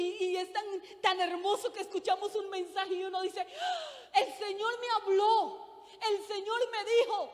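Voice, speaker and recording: A woman's voice: extremely high pitch, big-room sound. A middle-aged woman preaching a sermon, earnest, putting questions to the congregation. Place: church.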